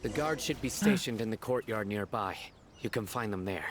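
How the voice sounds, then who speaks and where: An actor playing a stern, disciplined general in a video game, with a formal, serious, measured manner. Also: male voice, lowish voice, animated, a little hiss or hum, lightly acted. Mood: solemn.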